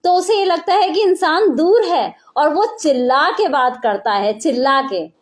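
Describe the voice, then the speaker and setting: High-voiced woman preaching earnestly. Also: expressive, a little slow. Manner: earnest, repeats key phrases for emphasis. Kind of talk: sermon.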